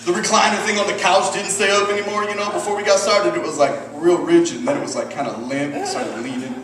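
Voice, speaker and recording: A man's voice: high-pitched, quick pace. A man in his forties performing a stand-up comedy set, self-mocking and profane, acting out the people he quotes. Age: 40s. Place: comedy club stage with a laughing audience. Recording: echoey, distant room recording with loud crowd noise.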